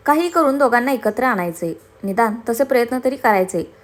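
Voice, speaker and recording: Woman storyteller, fairly high voice. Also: a little fast. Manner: steady, expressive reading. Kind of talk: scripted story narration.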